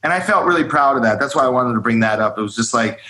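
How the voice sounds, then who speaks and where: Animated rambling man in a roomy echo. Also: medium pitch, fast talker. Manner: animated, rambling, heavy use of "like" and "you know". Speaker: guest musician, drummer. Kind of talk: casual storytelling in an interview.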